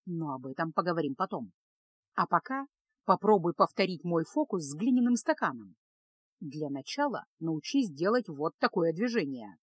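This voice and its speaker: A woman reads a storybook, playing a gloomy male mage. He lectures calmly in a low, measured way, like a teacher weary of explaining this again. Her voice is slightly rough and swings widely in pitch, and the sound is dry and close with no room sound.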